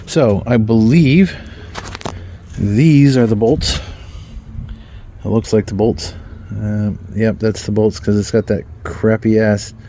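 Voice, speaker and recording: A man's voice: fairly low pitch, warm tone, a little hiss or hum. A man giving casual, rambling commentary outdoors while working on his own vehicle, full of ums and mild swearing. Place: outdoors in a yard beside a vehicle.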